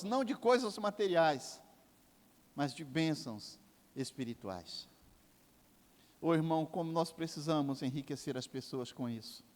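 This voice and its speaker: Older Brazilian male pastor, fervent preacher, a bit high-pitched, church hall reverb. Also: a little mellow. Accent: Brazilian Portuguese. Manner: impassioned preaching with sweeping rises and drops. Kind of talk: sermon. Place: church sanctuary.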